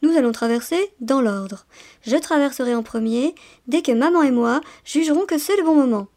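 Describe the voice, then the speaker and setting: A woman's voice: sits high, normal speed, mellow, lightly acted. A woman voicing a serious father hedgehog in a storybook reading, firm and instructing.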